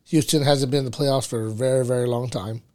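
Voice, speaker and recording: A man's voice: mid-range voice, fairly even intonation, quick pace, darkish tone. A man co-hosting a casual sports chat, talking like a frat bro with slangy, freely sweary banter. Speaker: podcast co-host.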